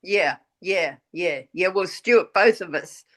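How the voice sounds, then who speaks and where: A hoarse woman guest in a casual conversation who answers softly and briefly and agrees readily. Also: lowish voice, slow. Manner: soft, agreeable, brief replies.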